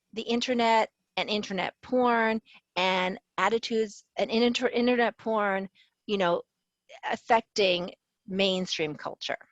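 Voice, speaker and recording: A sociology professor and author from the American South appears as a guest, answering interview questions earnestly and thoughtfully, laughing easily and restarting phrases now and then. Her medium-pitched voice is recorded dry, with the highs cut off.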